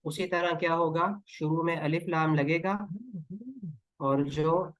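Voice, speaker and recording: A male teacher with a slightly high voice leads a grammar lesson slowly and deliberately, keeping a level tone. Down to earth, he patiently repeats words for his class. The recording is dry and close.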